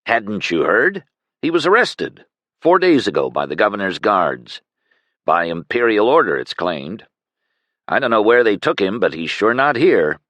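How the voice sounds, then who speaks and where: A surly, blunt foot soldier who talks plainly and shrugs things off, voiced by a male audiobook narrator. The voice is low and gruff, recorded close and dry. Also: very animated, measured pace, fairly bright tone, dry recording.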